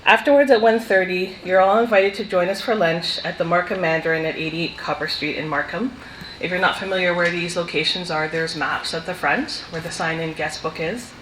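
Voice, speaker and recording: A woman giving a fond, soft-spoken funeral eulogy for a family member, sharing stories with light laughter. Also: on the low side, steady tone, fairly quick, slight background noise. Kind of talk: funeral speech with anecdotes. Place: funeral hall. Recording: echoey hall with faint ambience.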